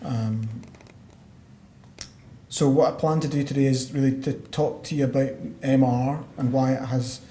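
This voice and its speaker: Speaking in a mellow, mid-range voice with fairly even intonation, a lung doctor from Scotland delivers a measured conference talk full of fillers and restarts. His voice echoes through a roomy hall over faint background noise.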